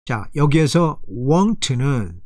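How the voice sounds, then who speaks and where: A man teaching an English lesson, explaining phrases carefully and reading example sentences aloud slowly and deliberately, checking in with short prompts. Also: mid-range voice, very animated, a little mellow, no echo.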